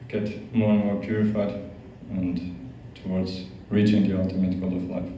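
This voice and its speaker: Addressing a youth group, a young monk from Austria speaks as a guest in an Austrian accent, informal and uncertain, with frequent fillers and restarts. His voice sits low with a flat delivery at a moderate pace, over slight background noise. The large hall gives the recording a distant, dull, echoey quality.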